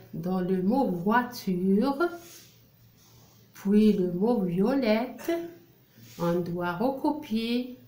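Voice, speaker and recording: A woman teacher, slowly drilling French syllables for young children and repeating each one. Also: mid-range voice, darkish tone. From Algeria. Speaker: primary school French teacher. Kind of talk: reading lesson for young children. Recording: roomy echo.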